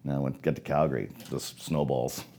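With a warm, steady bass voice and a fairly quick pace, this man in his forties, who grew up in Canada, guests on a laid-back podcast as a photographer. His talk wanders, full of false starts and filler words.

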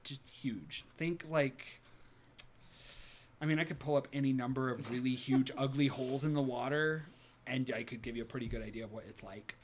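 A man's voice: medium pitch, normal speed, slight background noise. A man narrating a tabletop game as game master, improvising in a theatrical way.

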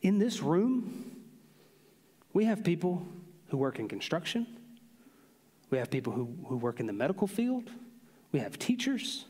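Male pastor, fairly high voice, storytelling sermon, big reverberant church hall. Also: breathy edge. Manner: storytelling, animated, drawn-out emphasis. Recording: long reverb of a large hall.

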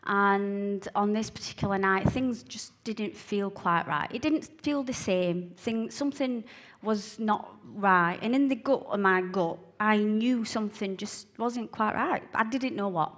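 A woman with a broad Glaswegian Scottish accent, telling a personal story to listeners in an earnest, halting way, repeating phrases for emphasis. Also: medium pitch. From Glasgow, Scotland. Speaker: speaker giving a testimony. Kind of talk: personal testimony told to listeners.

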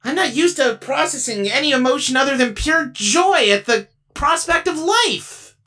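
A woman's voice: sits high, lively intonation, normal speed, fairly bright tone, distant mic. A woman playing a cheerful, childlike spaceship being who loves all living things, talking earnestly and stammering when flustered. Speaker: improv comedy performer. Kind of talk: improvised comedy podcast.

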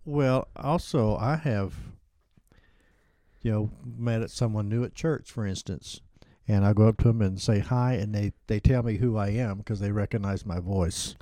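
Co-hosting a church podcast, a man with a fairly low, mellow voice speaks at normal speed with no echo. His casual chat is folksy and self-deprecating, he often restarts sentences, and he says he sounds like a hick.

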